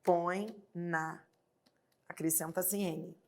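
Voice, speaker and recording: A woman's voice: lowish voice, fairly even intonation, drawn-out words. A woman with a Brazilian Portuguese accent teaching grammar in an online exam-prep lesson, stretching out her examples and asking rhetorical questions.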